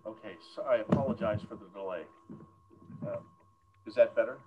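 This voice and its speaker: A man speaking slowly and carefully in an online meeting, his voice distant and distorted as if down a well. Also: lowish voice, steady tone, a crowd in the background. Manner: slow, careful, measured legal phrasing. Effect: distant, muffled, distorted line, like down a well. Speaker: meeting participant. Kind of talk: online policy meeting discussion. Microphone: remote call audio. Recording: noisy, distorted remote call line.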